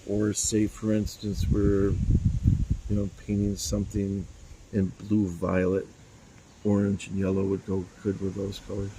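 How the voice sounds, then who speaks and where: A man's voice: lowish voice, completely flat delivery, a little slow, noisy background. A man, an inventor, demonstrating his music teaching tool in a folksy, rambling way with fillers and stammers. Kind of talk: explanatory demo in an interview.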